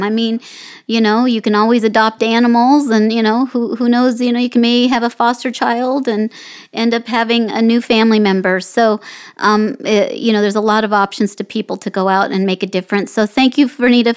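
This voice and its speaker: A woman hosting a podcast in casual conversation, rambling and encouraging, often saying "you know". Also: a little high. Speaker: podcast host.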